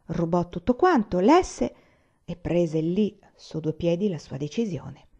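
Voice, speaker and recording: A woman reading the part of an earnest grown revolutionary man in an audiobook, brisk and plain. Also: lowish voice, big pitch swings, mellow, husky, lo-fi sound, heavily acted.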